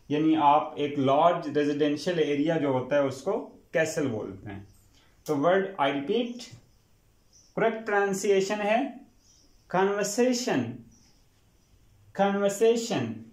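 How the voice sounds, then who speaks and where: A man's voice: fairly high pitch, darkish tone. A man with a Pakistani accent, a native Urdu speaker, teaching English pronunciation and repeating each word several times for his students. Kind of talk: classroom-style pronunciation lesson. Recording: echoey room.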